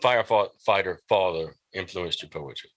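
A man's voice: sits low, normal speed, fairly bright tone. A man with a Southern US accent co-hosting a podcast interview, playful and folksy in his casual chat.

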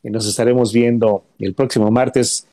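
A man speaks with a mellow, rounded tone at a medium pitch. He is courteous and effusive, offering kind words to his co-host in casual chat. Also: steady tone, normal speed. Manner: warm, courteous, a bit effusive. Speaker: insurance expert co-host.

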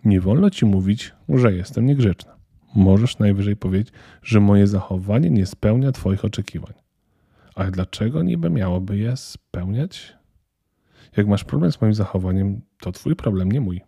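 A man's voice: lowish voice, expressive, moderate pace, gravelly, warm tone, slightly rough, no room sound, clean studio sound, heavily acted. A man voicing a spoiled, defiant eight-year-old girl who talks in a cold, smug, self-assured way.

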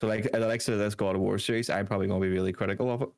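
Man as laid-back co-host. Low voice, tired, easygoing. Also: fairly even intonation, racing, a little mellow, clear, resonant tone. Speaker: podcast co-host. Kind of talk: casual banter podcast.

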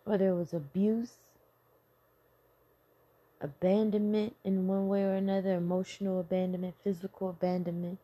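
A woman's voice: mid-range voice, little pitch movement, normal speed, highs cut off. A woman and mother talking candidly and bluntly about her childhood and parenting, swearing freely in a conversational way. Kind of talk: candid personal talk on self-healing.

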